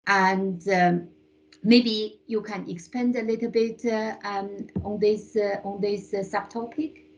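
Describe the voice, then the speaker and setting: A woman's voice: medium pitch, fairly even intonation, slow pace, low-quality recording. A woman chairing a seminar over a video call, moderating politely and hesitantly, with many fillers.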